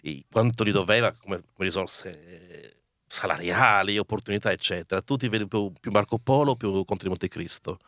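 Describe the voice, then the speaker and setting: Male radio host, slightly deep voice, informal conversational interviewing, dry close recording. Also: fairly quick, a bit bright, no room sound.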